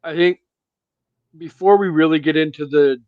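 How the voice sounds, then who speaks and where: A man's voice: fairly high pitch, fairly even intonation, no room sound, narrow, tinny audio. A man co-hosting a casual movie chat with dry, teasing remarks. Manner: dry, teasing, slow-spoken. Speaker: podcast co-host.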